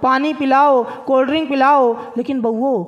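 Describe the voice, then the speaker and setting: Brief: male physics tutor, high voice, jokey and sing-song. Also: fairly even intonation, moderate pace, muffled recording. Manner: playful, sing-song, dialect asides. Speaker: physics coaching teacher. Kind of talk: exam-prep physics lesson.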